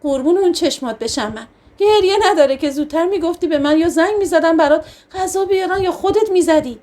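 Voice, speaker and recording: A woman reading the part of an affectionate, patient young husband in an audiobook novel, speaking gently and soothingly. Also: very high voice. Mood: tender. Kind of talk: audiobook character voice.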